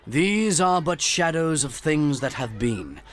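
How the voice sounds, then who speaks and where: A man's voice: on the high side, very animated, takes it slowly, a bit bright, full character voice. A man playing a stern, imperious spirit with a grand, reproachful manner in a radio play. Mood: grave. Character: stern, imperious glowing spirit of Christmas past.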